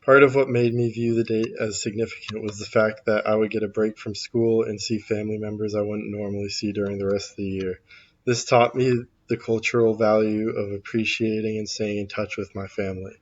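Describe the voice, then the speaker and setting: Low, flat-voiced man reads a formal class essay; dull lo-fi sound. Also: fairly quick. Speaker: student presenter. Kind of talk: read personal essay. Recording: dull lo-fi recording.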